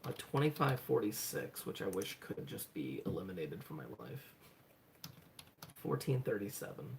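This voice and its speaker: A man livestreaming from home, chatting excitedly to himself as he goes, with lots of "hold on" and "oh my gosh". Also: mid-range voice, creaky, a little hiss or hum. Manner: excitable, thinks aloud, repeats "hold on" and "oh my gosh". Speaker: livestreaming speedcuber. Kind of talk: casual livestream self-talk.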